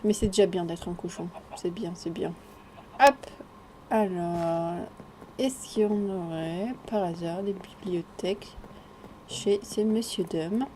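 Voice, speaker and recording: Woman, gaming vlogger, slow unhurried talk, relaxed chatty commentary, faint noise behind. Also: on the low side. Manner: relaxed, chatty, talks to game characters. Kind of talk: casual gameplay commentary.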